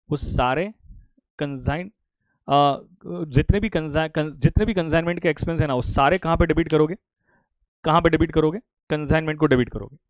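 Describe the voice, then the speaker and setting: A middle-aged man with an Indian accent teaching accounting in a live lecture, repeating questions and pressing students for quick answers. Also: a little high, darkish tone, no echo. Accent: Indian English. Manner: drilling repetition, urging quick answers.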